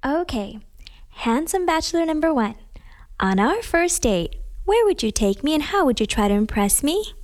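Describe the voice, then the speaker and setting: A woman's voice: sits high, big pitch swings, moderate pace. A woman playing along as a dating show contestant, asking questions and reacting in a flirtatious, gushing way.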